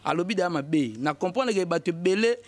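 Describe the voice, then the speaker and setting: A man's voice: high-pitched, lively intonation, moderate pace. A man giving emphatic commentary, repeating phrases and chanting fillers. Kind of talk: animated commentary mixing Lingala and French.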